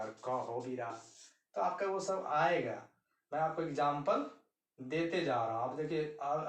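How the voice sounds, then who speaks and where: A man's voice: medium pitch, echoey room, recorded from a distance. A man with a Bihari Hindi accent, teaching English pronunciation in Hindi. He spells words letter by letter and checks that the viewer is following. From India.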